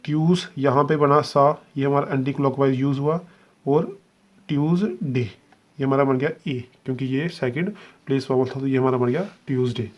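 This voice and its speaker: Male tutor walking through a shorthand lesson slowly and patiently, mid-pitched voice. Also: muffled recording. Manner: patient, repeats "ठीक है" and spells sounds out slowly. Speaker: shorthand teacher. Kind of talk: step-by-step video lesson.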